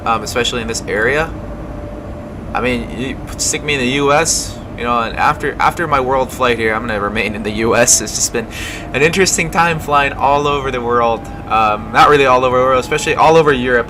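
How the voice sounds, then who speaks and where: Casual rambling man over rumbling background noise. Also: brisk. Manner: rambling, self-deprecating. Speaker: flight simulator streamer. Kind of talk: casual chat to stream viewers.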